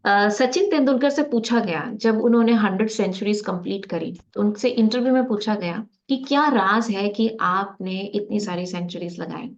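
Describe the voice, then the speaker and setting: A woman at a middle pitch gives a motivational psychology lecture. She talks in a chatty way and keeps checking in with her listeners through rhetorical questions. The recording sounds a little dull and lo-fi. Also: moderate pace, few pauses. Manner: conversational, often asks the audience rhetorical questions. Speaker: guest speaker on psychology.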